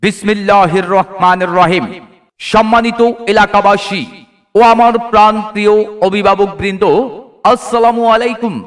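A man making a loud promotional announcement, calling out slogans in drawn-out phrases with a megaphone-like sound. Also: high voice, steady tone, distant mic. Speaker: advertising announcer.

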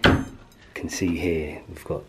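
A man's voice: rumbling low, little pitch movement, measured pace, loud music behind the voice. A man giving a casual, chatty tour of his house, moving from room to room and joking as he goes. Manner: chatty, laid-back, jokey asides.

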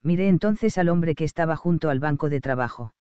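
A man reading a first-person detective story aloud, in a steady, deadpan narration. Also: on the high side, fairly quick, clean tone, no room sound, muffled recording. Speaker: reader.

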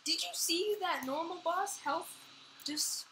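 Woman co-host with a high voice who explains game stats and questions her partner, on a noisy home mic. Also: takes it slowly, sharp tone. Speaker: gameplay channel co-host. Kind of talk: casual gameplay chat.

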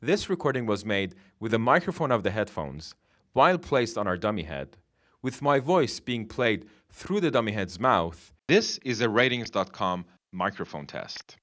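A man's voice: fairly low pitch, sing-song, moderate pace, a bit bright. A man reading a scripted microphone test, his voice played from a dummy head's mouth speaker and picked up by a headset microphone. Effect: voice played from a dummy head's mouth speaker, recorded through a headset mic. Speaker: headphone reviewer.

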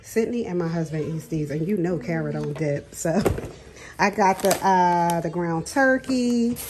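Filming her hands over the counter on a phone camera, a middle-aged woman shows her groceries in her home kitchen, talking a little slowly in a fairly low voice. She laughs a lot and calls her viewers "girl," and the background is noisy.

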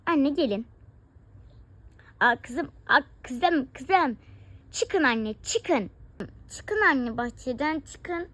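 A woman's voice: sits high, animated, extremely slow, pauses often, fairly bright tone, no room sound, exaggerated voice. A woman voicing a stubborn, defiant daughter of a rich family who talks back in a whiny way, in a game role-play. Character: defiant kind-hearted rich girl. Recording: dull lo-fi recording.

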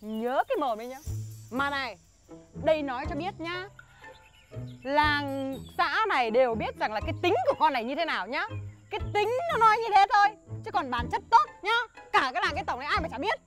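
A shrill, hot-tempered village wife. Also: female voice, animated, music in the background. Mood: indignant. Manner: sharp-tongued, quick to argue. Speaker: wife in a rural village comedy. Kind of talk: comic film acting.

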